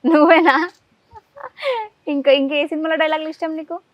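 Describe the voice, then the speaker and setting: A woman interviewing a child in a casual chat, coaxing answers out of them with quick questions. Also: high-pitched, level tone, no echo. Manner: coaxing, rapid-fire questions. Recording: dull lo-fi dry sound.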